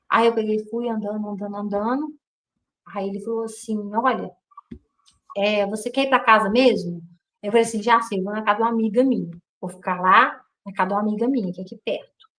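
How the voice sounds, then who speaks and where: A woman's voice: mid-range voice, fast, rough recording. A woman from Brazil telling her own life story in a casual way, acting out the dialogue she quotes. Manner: animated, acts out quoted dialogue.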